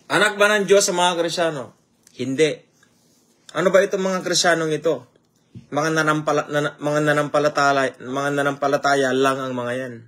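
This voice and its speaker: This sermon comes from a man whose voice is fairly high and a bit bright. He greets viewers by name along the way, throws rhetorical questions at his listeners and weaves in English phrases.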